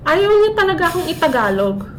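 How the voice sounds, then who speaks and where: A woman co-hosting a casual chat, teasing and animated, laughing often. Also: very high-pitched, fairly quick, slight background noise.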